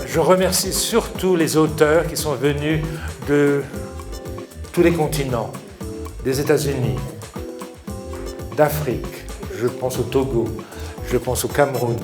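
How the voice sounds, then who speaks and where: A man's voice: a little high, fairly even intonation, takes it slowly, long pauses, music in the background. A man hosting a festival, giving a welcome speech in an informal way, with fillers and asides. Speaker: festival host.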